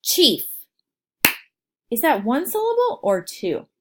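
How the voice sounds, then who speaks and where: A woman teacher giving a phonics lesson to young learners, sounding out words slowly and clearly and encouraging them. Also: a little high, big pitch swings, noisy background.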